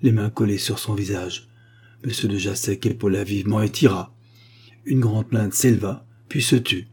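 A man reading a short story aloud in a steady, even storytelling manner. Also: lowish voice, moderate pace, slightly rough. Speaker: audiobook narrator.

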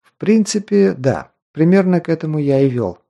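A man's voice: on the high side, expressive, moderate pace, gravelly, warm tone, pitched above the performer's own voice. A man reading an audiobook, voicing a wry, teasing young male hero in close to his own voice.

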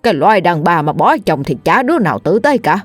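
A stubborn old father who bangs the table and snaps bluntly at his son, played by a woman reading a storybook tale. Keep it low and close in a dry room. A faint music bed runs underneath. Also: fairly quick, a little mellow, no room sound, lightly acted. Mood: angry. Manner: barking, blunt. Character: stern old village father, hot-tempered and stubborn.

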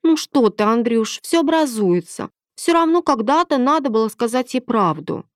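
A woman reads aloud in a clean studio with no room sound, voicing a pushy, scheming thirty-year-old woman who speaks insistently and demandingly. Her voice is on the high side, expressive, and at normal speed, pitched above her own natural voice and lightly acted, with a coaxing mood.

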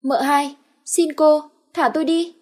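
A woman's voice: high-pitched, moderate pace, dark tone, pitched above the performer's own voice, lightly acted. A woman voicing a terrified young peasant wife who begs desperately. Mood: pleading. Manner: begging, desperate.

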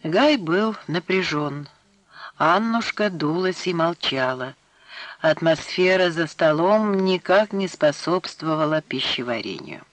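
A man narrating an audiobook in a measured, steady reading on a close studio mic. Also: a little high, no echo. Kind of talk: scripted narration.

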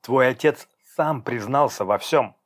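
A man's voice: mid-range voice, a little slow, lightly acted. A man reading an audiobook, voicing a stern, domineering man who speaks in curt commands. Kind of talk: audiobook character voice.

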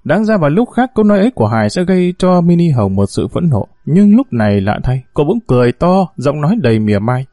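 A man narrating a story in a steady, measured storytelling way. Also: on the high side, no room sound, studio quality. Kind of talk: audiobook story reading.

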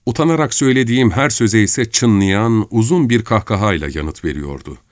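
A man narrating an audiobook in the first person, reading in a measured, expressive way. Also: on the low side, dry recording, clean studio sound.

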